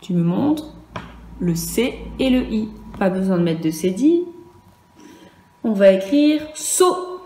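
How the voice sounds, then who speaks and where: A woman's voice: medium pitch, animated, slow pace, long pauses, dark tone, roomy sound. A woman with a French accent teaching young children in a virtual class, patiently spelling out sounds and syllables. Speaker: primary school teacher.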